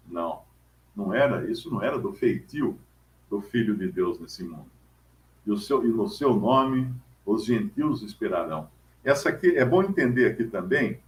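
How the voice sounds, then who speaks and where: Man giving a chatty Bible talk. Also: medium pitch. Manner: conversational, storytelling, frequent "né?". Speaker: Bible teacher. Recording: roomy echo.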